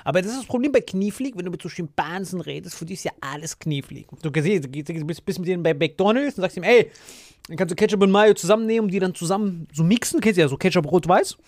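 A man with a Viennese accent jokes around in a casual podcast chat. His voice sits high and swings widely in pitch. He is recorded close and dry, with no room sound. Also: expressive, fast, few pauses, a little mellow, dry recording. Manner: playful, absurd riffs, repeats words for comic effect. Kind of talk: casual banter.

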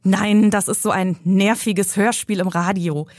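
A woman's voice: mid-range voice, fairly even intonation, unhurried, darkish tone, dry recording, studio quality, lightly acted. A woman reading aloud from her novel, voicing a fussy, condescending young man who lectures the driver. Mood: smug. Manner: smooth, pedantic and condescending. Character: smug, fussy young man, know-it-all passenger.

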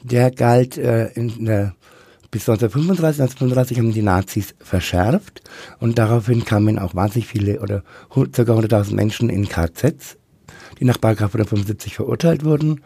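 Gravelly, husky man. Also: on the low side, brisk, warm tone, dry recording. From Franconia, Germany. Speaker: interview guest, drag queen and queer activist. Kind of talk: candid interview conversation.

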